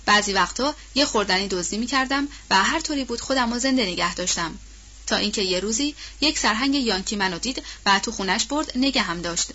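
A burly, loyal farmhand, read by a woman speaks in a heavy, husky voice with rustic, homespun phrasing. The tone stays bright and forceful. The audiobook recording sounds dull and lo-fi. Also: mid-range voice. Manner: colloquial rustic speech. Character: burly loyal male former farmhand, warm and overjoyed. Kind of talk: audiobook character reading.

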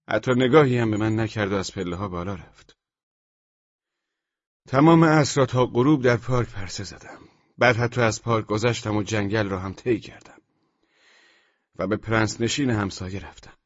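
A man narrating a literary novel as an audiobook, in a measured storytelling manner. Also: fairly low pitch, no room sound, highs cut off. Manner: measured storytelling, with the dialogue lines acted out loudly.

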